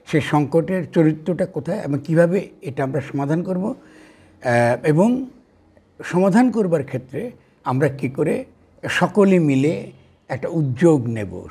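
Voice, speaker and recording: An older man giving a slow, deliberate political talk to his audience, asking rhetorical questions. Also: fairly high pitch, warm tone, slightly rough. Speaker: political commentator. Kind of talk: direct-to-camera talk.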